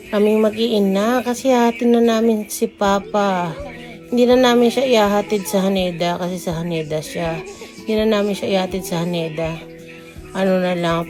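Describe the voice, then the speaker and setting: A woman and mother chatting casually to her viewers in a vlog, often calling them guys. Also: on the low side. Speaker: vlogger mother.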